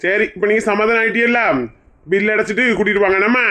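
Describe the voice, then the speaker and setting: A man playing a blunt, brisk village doctor. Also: sits high, fairly even intonation, sharp tone. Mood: offhand. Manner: blunt, practical, a little impatient. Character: brisk matter-of-fact male hospital doctor. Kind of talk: comedy skit acting.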